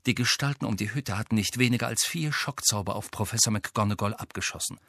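A man reading a novel aloud with steady, even storytelling. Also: on the low side, fast talker, dry recording, studio quality. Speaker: audiobook narrator. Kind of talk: scripted narration.

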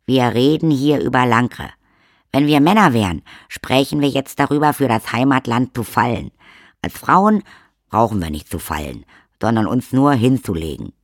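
A man voicing an older village witch woman, shameless, blunt and bossy in a brisk matter-of-fact way. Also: mid-range voice, animated, dry recording, studio quality, natural voice.

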